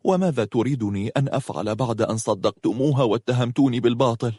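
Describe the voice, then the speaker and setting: A man's voice: medium pitch, fast, dark tone, husky, dry recording, studio quality, natural voice. A man voicing an angry, self-pitying young man who talks reproachfully, in a storybook reading. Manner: reproachful, heated.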